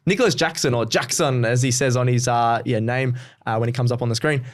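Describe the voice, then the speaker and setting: A man's voice: mid-range voice, fast. A young man co-hosting a casual football podcast, upbeat and laughing often. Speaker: podcast co-host. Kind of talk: casual sports podcast chat.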